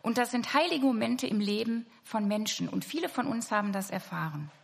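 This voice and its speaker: A woman's voice: on the high side, lively intonation, a little fast, vocal fry. A woman preaching a sermon to her congregation, earnest and speaking to them directly. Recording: hall reverb.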